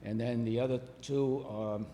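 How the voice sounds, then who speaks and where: A man serving as fire chief, answering a board's questions in a halting way with restarts, his voice going hoarse. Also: mid-range voice, fairly even intonation, warm tone, a little hiss or hum. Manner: halting, hesitant, many restarts. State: losing his voice. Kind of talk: public meeting testimony. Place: public meeting room. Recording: long reverb of a meeting hall.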